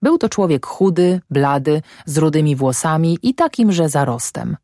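A woman narrating an audiobook of a classic novel in a measured, even way. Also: low voice, no room sound, studio quality.

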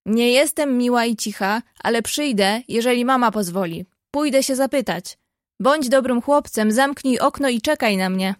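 A bold, lively teenage girl, read by a woman in a storybook, frank, brisk and cheerful. The voice is fairly high and recorded close and dry. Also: no echo, lightly acted.

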